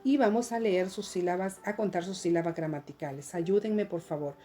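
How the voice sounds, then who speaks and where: A woman teacher giving a recorded lesson, explaining step by step in a slow, patient way and speaking to students at home. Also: fairly low pitch, dark tone, a little hiss or hum.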